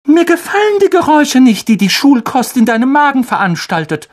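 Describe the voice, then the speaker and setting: A man's voice: very high-pitched, very animated, a little fast, pitched above the performer's own voice, full character voice. A man voicing a fussy, doting middle-aged aunt who coos over her son.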